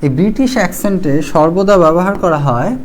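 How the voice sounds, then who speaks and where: A man's voice: high-pitched, lively intonation, moderate pace, slight background noise. A man with a Bangladeshi Bengali accent, teaching English grammar in a live online class. He asks the class questions, answers them himself, reads out viewer comments and repeats key rules.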